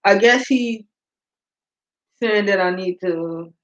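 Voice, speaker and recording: A shy, soft-spoken woman co-hosting a live chat stream, talking hesitantly. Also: mid-range voice, takes it slowly. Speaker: co-host of a live couple's channel. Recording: dull lo-fi live-stream audio.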